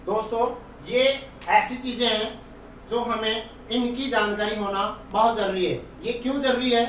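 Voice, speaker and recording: A man's voice: very high voice, fairly even intonation, moderate pace, a bit bright, slight background noise. A man teaching an English lesson, explaining patiently and repeating example words to drill them. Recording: very echoey room, far from the mic.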